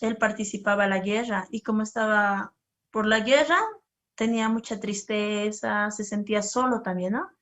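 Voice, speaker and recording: A woman's voice: medium pitch, moderate pace. A woman leading a children's service, asking the kids questions and telling them a story. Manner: asks the children questions and acts out their voices; storytelling, gentle and animated. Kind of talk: children's sermon with slides.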